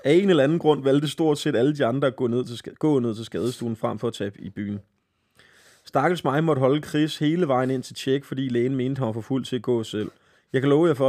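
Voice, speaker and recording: Casual Danish male podcast host. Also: mid-range voice. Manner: lively, laughing, swearing casually, stumbles while reading. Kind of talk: casual podcast chat, reading listener stories aloud.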